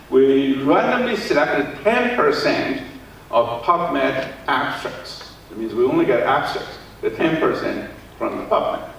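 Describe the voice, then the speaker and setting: A man giving an academic keynote, a non-native English speaker who often checks in with "okay" and restarts his phrases. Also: a little high. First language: Chinese. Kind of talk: academic conference talk. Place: lecture hall. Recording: distant mic in very echoey hall, faint noise.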